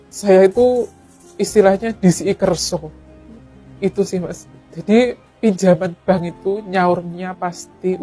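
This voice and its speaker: A woman's voice: mid-range voice, dark tone, slightly rough. A middle-aged woman with an East Javanese accent, a fish farmer and teacher telling her personal story to an interviewer, earnest and often giving thanks to God.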